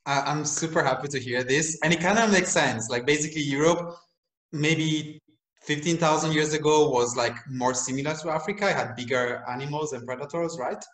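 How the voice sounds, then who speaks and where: A young man hosting a video-call interview, chatty and relaxed, laughing at himself. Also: fairly high pitch, fairly quick. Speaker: host and game designer. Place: room at home. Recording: echoey room sound.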